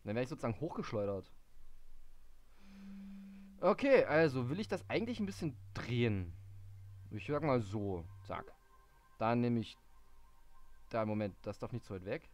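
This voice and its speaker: A man doing live game commentary, muttering in confusion, reading in-game hints aloud and breaking into sudden excited outbursts. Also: medium pitch, moderate pace, pauses often. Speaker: let's play gamer.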